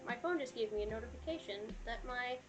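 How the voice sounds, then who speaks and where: A woman talks casually to her game stream in a fairly high voice. She is chatty and quick to apologize or poke fun at herself. Music plays clearly behind her. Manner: chatty, apologetic, self-deprecating. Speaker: streamer reading game dialogue aloud. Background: music playing.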